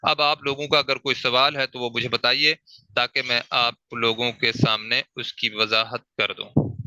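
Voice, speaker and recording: A man gives a tajweed lesson in a very bright, crisp and resonant voice. He drills single letter sounds slowly and over and over, and he checks in with rhetorical questions. The recording is close and dry. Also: medium pitch, flat delivery, no room sound, poor audio. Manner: demonstrates letter sounds slowly, repeating them. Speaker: Quran recitation teacher. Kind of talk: online tajweed class lecture.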